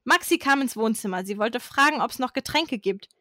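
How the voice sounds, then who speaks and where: A woman's voice: fairly high pitch, expressive, normal speed, bright, forceful tone, slight background noise. A young woman reading her childhood story aloud with amused asides, sometimes stumbling over words.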